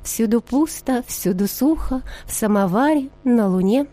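A woman voicing a hunchbacked, mournful male cream jug who speaks slowly and sadly. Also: fairly high pitch, expressive, dark tone. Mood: gloomy. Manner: slow, sad, sighing.

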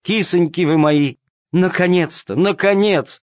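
A man voicing a kind old woman who warmly praises her cats, in a storybook reading on a dull, dry recording. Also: high-pitched, unhurried, dry recording, pitched above the performer's own voice. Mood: joyful. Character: kind old woman, tearful cat lover.

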